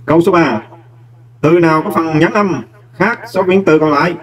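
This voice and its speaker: A male teacher talks students patiently through an exam question by question, his voice sitting somewhat high. He sounds a little distant from the microphone. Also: normal speed. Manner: explains step by step, addressing students warmly as "các em". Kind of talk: exam walkthrough lesson.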